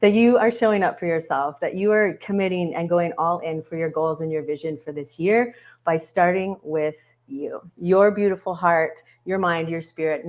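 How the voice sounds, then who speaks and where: A woman hosting a live online workshop from home, chatting upbeat with viewers in the comments over a webcam. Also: lowish voice. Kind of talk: casual livestream hosting. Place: home, yard work heard outside.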